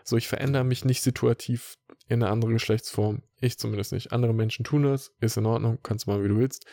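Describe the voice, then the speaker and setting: A man's voice: mid-range voice, gravelly, dark tone, no echo, clean studio sound. A man who works as an emotion coach, talking casually and explaining ideas in a long monologue. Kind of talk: casual podcast talk.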